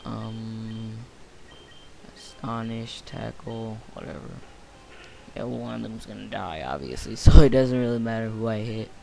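A man's voice: on the low side, unhurried, gravelly, dark tone, slight background noise. A tired young man rambling through casual let's-play commentary late at night, offhand and full of fillers. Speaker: gameplay commentator. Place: home room, late night.

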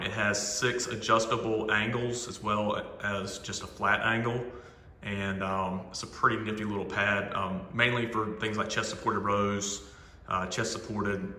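A man in his forties walks through his home gym with a phone camera, chatting casually and filling pauses with "um". His voice sits a little low but sounds bright and forceful. A long reverberant ring from the bare room hangs behind every word. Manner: relaxed, filler-heavy, chatty. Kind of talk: casual equipment walkthrough. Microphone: phone camera held while walking.

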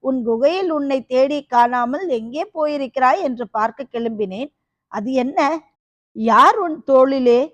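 A scheming male Buddhist monk from an audiobook novel, read by a woman with a high voice. He fires off stern, probing questions. The recording is dry and a little dull. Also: measured pace, dry recording. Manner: questioning, demanding.

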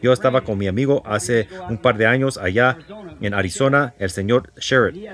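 A man's voice: medium pitch, normal speed, a bit bright. A man preaching a sermon and leading a prayer with fervour, repeating words and putting questions to the congregation.

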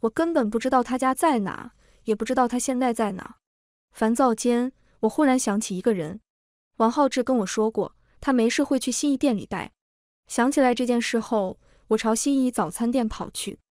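A woman narrating a first-person emotional story in a steady, even reading voice. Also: a little high, moderate pace, no echo, studio quality.

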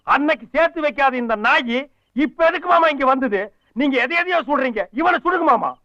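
Snarky comic lead, high bright voice, keeps scolding, muffled old film audio. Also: male voice, expressive, no echo, heavily acted. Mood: sarcastic. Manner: sarcastic, scolding, quick insults. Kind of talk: Tamil film comedy dialogue. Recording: dull lo-fi film soundtrack.

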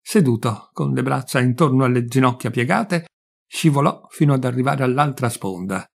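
A man narrating a short story in a measured, deliberate reading voice. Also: mid-range voice, gravelly. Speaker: audiobook reader.

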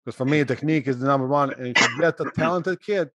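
Earnest coach, dry sound. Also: male voice, mid-range voice, quick pace, fairly bright tone, no echo. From Croatia. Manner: earnest, adds "right?" to check in. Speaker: college throwing coach, host. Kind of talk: casual interview chat.

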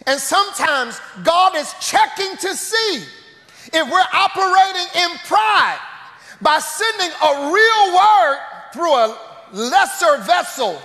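Emphatic man preaching a sermon, high bright tone, big hall echo. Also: takes it slowly. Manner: emphatic, shouts key phrases, animated asides. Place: church sanctuary. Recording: echoey church sanctuary.

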